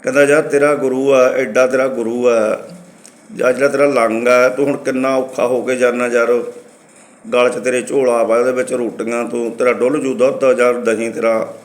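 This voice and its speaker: A man's voice: mid-range voice, moderate pace. A man preaching to a congregation, telling a story and acting out the people in it. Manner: lively storyteller acting out dialogue. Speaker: Sikh preacher. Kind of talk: storytelling sermon.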